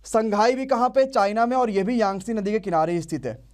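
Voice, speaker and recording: A man's voice: high voice, brisk. A young man teaching an online exam-prep class, quizzing students and drilling answers call-and-response style.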